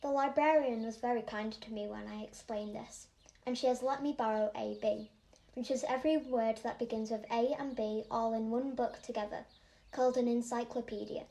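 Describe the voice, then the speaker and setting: In an audio drama monologue, a woman plays a bookish, anxious eight-year-old girl from Yorkshire, speaking in an earnest, curious, precise and matter-of-fact way. Her voice is on the high side and mellow, with fairly even intonation, normal speed and some vocal fry.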